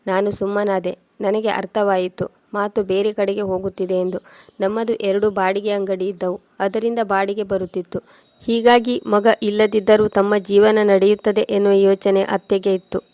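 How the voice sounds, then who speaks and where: Woman narrating in a flat, even tone. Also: mid-range voice, moderate pace, no echo. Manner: sorrowful, steady reading. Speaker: storyteller. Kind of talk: first-person story narration.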